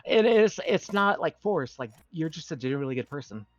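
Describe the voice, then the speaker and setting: Chatty guest in his thirties, encouraging, pitch swings a lot, lots of "like". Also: expressive, fairly quick, dry recording, lo-fi sound. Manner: warm, encouraging, rambling with fillers. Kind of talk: casual chat.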